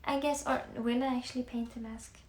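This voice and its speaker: A young Norwegian woman with a Norwegian accent, chatting softly on a livestream while she paints, often slipping into near-whispers. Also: fairly high pitch, steady tone, a little fast. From Norway. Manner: soft-spoken, often drifting into near-whispers. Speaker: musician live-streaming to fans. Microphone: phone. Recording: echoey room with faint background hiss.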